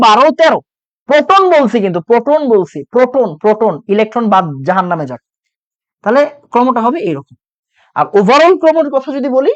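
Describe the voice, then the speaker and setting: Through lo-fi audio comes a young man's very high voice as he teaches chemistry online. He repeats each point and quizzes his students, his throat sore from talking loudly.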